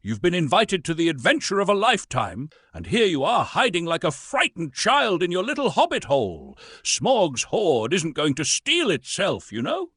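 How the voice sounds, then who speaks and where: A bullying old wizard, as a man acts him out, scolding in a raised, roaring voice that swings widely in pitch. The tone is husky and dry, read close for a storybook. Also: wildly swooping pitch, normal speed, hardly any pauses, fairly bright tone, dry recording, exaggerated voice. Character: furious old male wizard, bullying and stern.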